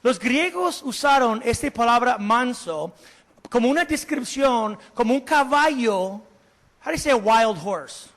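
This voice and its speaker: A male pastor preaching a sermon, animated, asking the congregation questions and slipping in English words. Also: very high-pitched, unhurried. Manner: slips English words into Spanish. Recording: long hall reverb.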